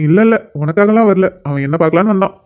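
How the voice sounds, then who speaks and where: Fast-talking teasing big brother, voiced by a performer. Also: medium pitch, narrow, tinny audio, natural voice. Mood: reassuring. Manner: teasing, reassuring, quick. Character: caring older brother back from abroad. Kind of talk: cartoon voice acting.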